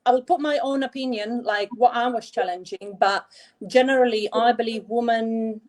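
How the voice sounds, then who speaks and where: A woman from Latvia, a guest on an online talk, speaking in a hesitant, halting way. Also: a little high, darkish tone, poor audio. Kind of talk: online event chat.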